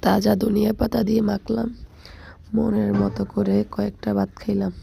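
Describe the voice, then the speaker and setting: A woman, hoarse from a cold, chatting to her viewers as friends in a casual food voice-over. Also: mid-range voice, little pitch movement, moderate pace, dark tone, soft background music. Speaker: food vlogger.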